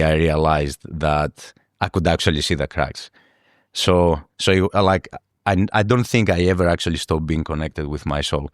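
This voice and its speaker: A man from Greece, a podcast guest speaking earnestly in a halting way, often repeating words as he searches for them. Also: deep voice, clear, resonant tone, no room sound, studio quality. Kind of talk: podcast interview.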